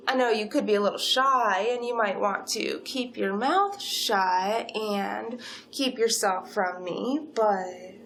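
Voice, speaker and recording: Woman as obsessive supernatural yandere kidnapper for audio role-play: high, slow delivery, sugary and controlling, unhinged menace throughout. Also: a little hiss or hum. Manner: unhinged sweet menace, gushing then threatening. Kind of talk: dramatic second-person role-play monologue.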